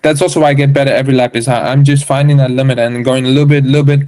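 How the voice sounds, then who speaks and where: South african racer guy talking through his riding, plain and matter-of-fact, mid pitch. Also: fairly even intonation, very fast, darkish tone. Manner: matter-of-fact, explains step by step. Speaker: motocross racer guest. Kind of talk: casual podcast interview.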